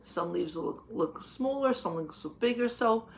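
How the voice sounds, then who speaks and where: A woman in her thirties, close to a webcam in a small home office, reads a picture book aloud as a teacher for young children; there's slight background noise. Her voice sits on the high side, expressive with some creakiness. She speaks gently, pausing to ask questions and explain words in simple terms.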